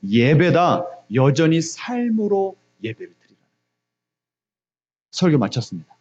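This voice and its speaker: A man's voice: on the high side, sing-song, measured pace, a little mellow, lo-fi sound. A middle-aged man preaching a sermon as pastor, pressing the congregation with repeated questions and emphatic rises. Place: church sanctuary, also streamed on video call.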